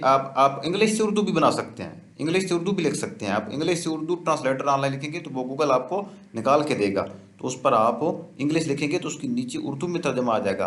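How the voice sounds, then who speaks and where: A man teaches English in a YouTube lecture, going over each phrase twice at an unhurried pace. His voice sits at an ordinary pitch. It rings in an echoey room. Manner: explains slowly, repeating each phrase.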